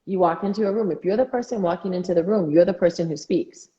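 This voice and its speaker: A woman's voice: lowish voice, quick pace, dark tone, roomy sound, highs cut off. A woman co-hosting a casual chat, talking emphatically and acting out the people she quotes. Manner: emphatic, opinionated, acts out quoted voices. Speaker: co-host.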